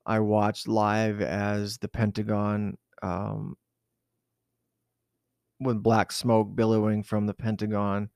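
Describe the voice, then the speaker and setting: Slow, hesitant man with a smooth voice. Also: on the low side, completely flat delivery, darkish tone, no echo, clean studio sound. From southern Arizona, US. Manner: hesitant and reflective, many fillers and restarts. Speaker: interviewee recalling a personal memory. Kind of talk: unscripted oral-history recollection.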